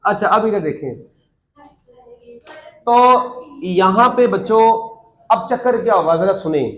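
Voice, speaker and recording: A man's voice: sits high, lively intonation, reverberant, low-quality recording. A man teaching a physics class, joking and quizzing students with repeated questions.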